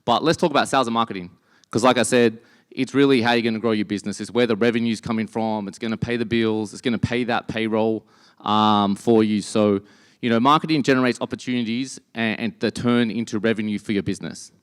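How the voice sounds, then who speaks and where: A man's voice: fairly low pitch, fairly even intonation, fast talker, clear, resonant tone. A middle-aged man with an Australian accent giving a casual, chatty talk to a live audience at an event, with frequent fillers and restarts. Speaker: speaker. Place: event venue.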